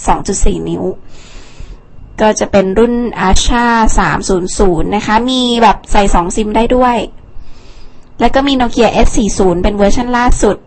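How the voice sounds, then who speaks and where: A woman's voice: medium pitch, moderate pace, a little mellow. A young woman hosting a casual phone rundown, chatty, with fillers and asides. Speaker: tech show host.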